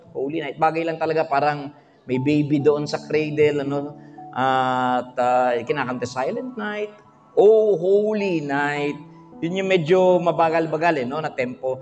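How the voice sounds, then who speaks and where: High-voiced Filipino man preaching. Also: in a large hall. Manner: animated, audience questions, bursts of singing. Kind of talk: livestream sermon.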